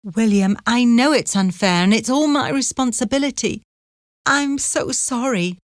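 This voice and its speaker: A woman putting on a frightened, protective girl, lifting her voice high and thin. She begs softly and comforts gently, in a dry close reading. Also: unhurried, dry recording, lightly acted. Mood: tender. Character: desperate poor girl, protective older sister.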